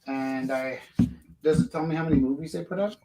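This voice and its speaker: A man's voice: a little high, fairly quick, mellow, low-quality recording. A man co-hosting, chatting casually in a rambling, matter-of-fact way. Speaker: co-host and teacher. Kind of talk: casual chat.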